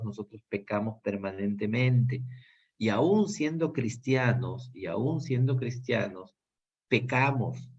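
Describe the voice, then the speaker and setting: Man, Peruvian Spanish accent, Bible class teacher, earnest, halting, dull lo-fi sound. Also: mid-range voice, husky. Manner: earnest, many fillers and restarts. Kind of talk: Bible study lesson.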